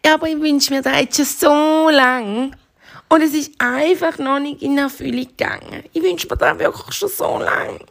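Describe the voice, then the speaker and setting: A small, nervous young rabbit pleads in St. Gallen Swiss German with a raised, lively voice, as a woman puts it on. The tone is breathy and husky with a gravelly edge. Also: high-pitched, a little slow, pitched above the performer's own voice, exaggerated voice. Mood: pleading.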